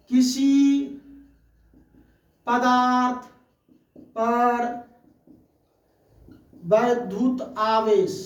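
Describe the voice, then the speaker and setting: A woman teaching a physics lesson in a drilling, repetitive way, asking a question and then supplying the answer herself. Her voice sits high with little rise and fall. The sound carries a noticeable room echo. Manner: repetitive, emphatic explaining. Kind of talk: Hindi-medium classroom lecture.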